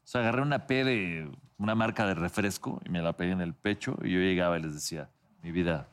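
A man's voice: low-pitched, fast. A man with a Mexican accent, a guest on a comedy show, telling a crude party story in swaggering, vulgar slang.

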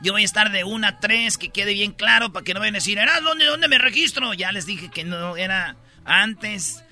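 A man's voice: sits high, steady tone, moderate pace, bright, forceful tone. A Mexican man hosting a comedy radio show, joking around and mimicking how different countries talk. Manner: jokey, mimicking national accents, laughing.

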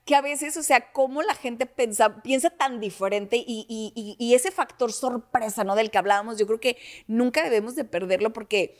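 A woman's voice: on the high side, normal speed. A woman with a Mexican accent in casual conversation, telling stories and acting out the people in them. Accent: Mexican Spanish. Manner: animated storyteller, acts out quoted voices. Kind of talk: casual chat.

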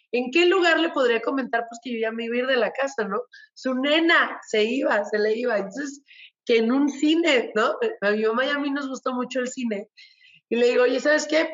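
A woman's voice: a little high, dull audio. A woman with a Mexican Spanish accent hosting a casual show segment, telling stories in a playful, gossipy way and acting out the quotes. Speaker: show host. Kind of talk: casual chatty news segment.

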